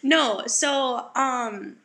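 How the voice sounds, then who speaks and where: This young woman from Wisconsin, USA, co-hosts a casual podcast, chatting and giggling with lots of fillers. Her high voice is very slow, creaky, pushed and bright, and the room sounds echoey.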